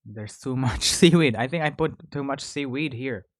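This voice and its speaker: A man's voice: mid-range voice, moderate pace, no echo, clean studio sound. A man hosting a podcast, chatting casually while eating, rambling and correcting himself between bites. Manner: rambling, chewing between phrases, self-correcting. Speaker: podcast host.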